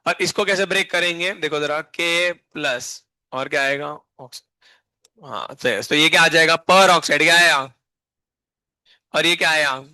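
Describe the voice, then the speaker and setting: Teasing, bright-voiced male teacher. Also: fairly high pitch, dry recording. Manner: bantering and teasing students between explanations; frequent check-in questions to the class. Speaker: chemistry teacher. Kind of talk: live classroom lecture.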